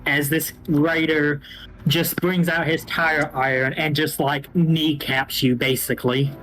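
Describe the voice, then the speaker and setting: A man narrating a tabletop role-playing game as game master, in a casual, halting way. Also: fairly high pitch, level tone, a bit bright, a little hiss or hum, low-quality recording. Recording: faint music behind the voice. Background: music.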